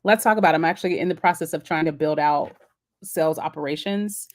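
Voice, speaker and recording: Woman host, low-pitched, casual live Q&A, chatty and encouraging, lots of ums and restarts. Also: fast.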